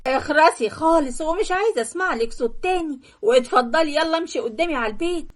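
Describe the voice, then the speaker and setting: A woman's voice: sits high, animated, quick pace, voice pushed up. Woman doing a stern egyptian husband in a cartoon story, snappy and commanding. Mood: angry. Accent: Egyptian Arabic. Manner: harsh, commanding. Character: stern jealous young husband, man.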